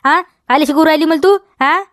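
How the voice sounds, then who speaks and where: A woman's voice: sits high, normal speed, fairly bright tone, no echo, studio quality. A woman with a Vidarbha Marathi accent playing a scolding village farmer who nags and keeps tagging questions onto every line, in a comedy sketch. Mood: accusing. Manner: nagging, repeats demands, keeps tagging "हा?". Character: scolding village farmer man guarding his field.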